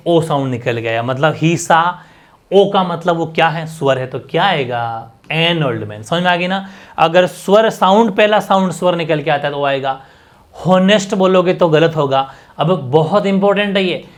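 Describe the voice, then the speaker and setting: Guy teacher going over exam stuff, kinda high voice, keeps quizzing the class. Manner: explains by repeating and quizzing students. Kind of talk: exam-prep class lecture.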